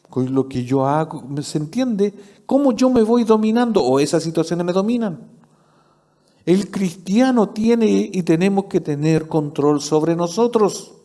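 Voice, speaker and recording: Chilean man preaching, mellow voice. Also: sits high. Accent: Chilean Spanish. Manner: conversational preaching, asks the congregation questions. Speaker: pastor. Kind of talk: sermon. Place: church service.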